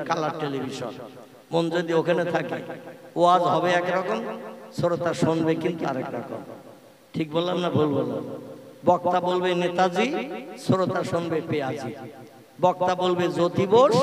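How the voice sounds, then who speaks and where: A man's voice: sits high, creaky. A man preaching a sermon to a big gathering, joking and quizzing the listeners. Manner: humorous, questions the crowd. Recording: echoey hall, crowd noise.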